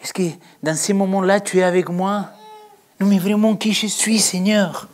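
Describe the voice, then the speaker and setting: A woman's voice: medium pitch, steady tone, a little mellow. Reflective woman preacher asking questions. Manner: questioning, reflective, drawn-out phrasing. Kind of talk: sermon.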